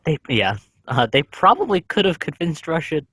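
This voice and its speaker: A man's voice: on the high side, sing-song, moderate pace, a bit bright, breathy edge, dry recording. A man on a political podcast panel, talking casually and correcting himself often in a wry way.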